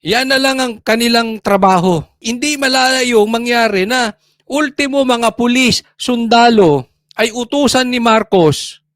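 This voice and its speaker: A man with a Filipino accent hosting political commentary, animated and mocking, talking straight to his viewers. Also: extremely high pitch, unhurried, dry recording, studio quality.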